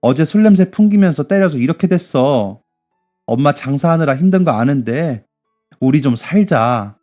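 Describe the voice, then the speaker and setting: A man's voice: on the high side, lively intonation, normal speed, warm tone, soft background music, close to an everyday voice. A man voicing a teenage daughter who tearfully reproaches her mother. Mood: tearful, pleading.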